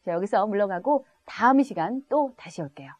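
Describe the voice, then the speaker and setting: A woman teaching beginner English, upbeat and encouraging, sounding out English phrases slowly and clearly. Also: medium pitch, expressive, a little mellow, no echo, muffled recording. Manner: upbeat, encouraging, switches between Korean and careful slow English.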